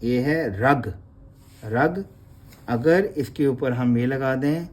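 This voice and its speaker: A man teaching Gurmukhi script. He explains patiently and draws out each letter sound, addressing the class respectfully. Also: medium pitch. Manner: slow, patient, drawn-out letter sounds, calls listeners sangat ji. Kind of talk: slow classroom explanation with prayer.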